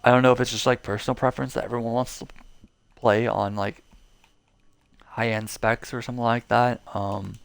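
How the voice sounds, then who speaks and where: Rambling young man with a smooth voice. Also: mid-range voice, flat delivery, moderate pace, pauses often, no echo. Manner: rambling, lots of fillers and swearing. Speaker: gaming video creator. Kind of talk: casual gameplay commentary.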